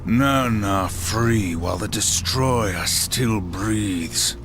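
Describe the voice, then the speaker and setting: A man's voice: on the low side, drawn-out words, music in the background. A stern, grim warrior horseman. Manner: stern, clipped. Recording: game score under the voice.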